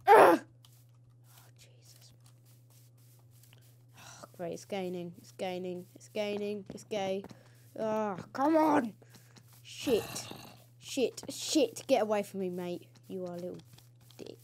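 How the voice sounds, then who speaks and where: A woman hosting a casual let's play, excitable and swearing as she reacts to the game. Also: mid-range voice, unhurried, slight background noise.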